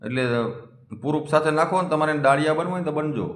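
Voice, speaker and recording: A man's voice: a little high, fast, a bit bright. A man, speaking a defiant, scolding monologue that challenges his critics. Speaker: community vlogger. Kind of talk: confrontational monologue. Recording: echoey room.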